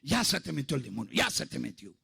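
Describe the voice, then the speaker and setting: Low insistent demon voice done by a male preacher, taunting, hushed, gravelly. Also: sing-song, quick pace, full character voice.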